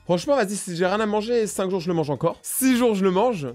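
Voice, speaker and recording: A man's voice: high-pitched, fast, faint music behind. A young man hosting a reaction video, joking and talking straight to his viewers. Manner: jokey, animated, addressing viewers directly. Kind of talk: casual reaction commentary.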